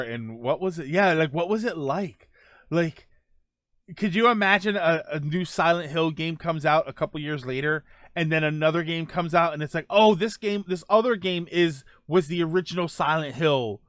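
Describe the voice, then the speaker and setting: Answering viewers on his gaming livestream, this host is playful and rambling, keeping the video game chat conversational. His voice is on the high side and a bit bright, recorded at studio quality with no echo.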